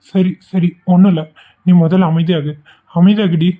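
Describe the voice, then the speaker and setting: A woman voicing a patient young husband in a cartoon who reasons with his wife in a steady way. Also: fairly low pitch, moderate pace, lightly acted. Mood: reasoning. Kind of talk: cartoon voice acting. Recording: dull lo-fi sound.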